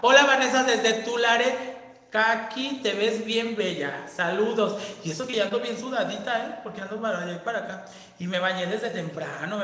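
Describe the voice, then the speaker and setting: A man's voice: high-pitched, normal speed, bright, forceful tone. A flamboyant, campy man with a Mexican accent, chatting on a livestream and reading out viewer comments. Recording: very echoey room with long reverb.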